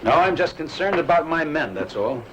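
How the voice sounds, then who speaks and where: An actor playing a captured American colonel who answers tersely and guardedly. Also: male voice, on the high side, expressive, moderate pace, highs cut off, natural voice. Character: captured American bomber colonel, male, steady and defiant. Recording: noisy TV drama soundtrack.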